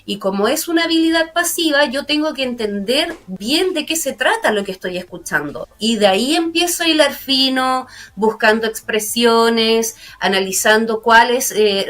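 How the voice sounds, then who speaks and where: In a broadcast studio interview, a woman English teacher with a Chilean accent explains language learning earnestly, step by step. Her voice is on the high side and a bit bright, at normal speed with few pauses.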